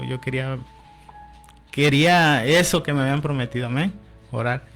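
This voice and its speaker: A man telling his personal testimony as a radio guest, often adding "amén" and quoting conversations. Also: medium pitch. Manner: storytelling, with frequent "amén" and quoted dialogue.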